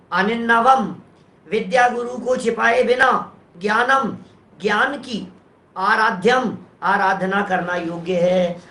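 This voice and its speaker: A man's voice: sits high, sharp tone, reverberant. A man, a preacher giving a sermon who explains a verse phrase by phrase and asks the listeners rhetorical questions. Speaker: Jain preacher.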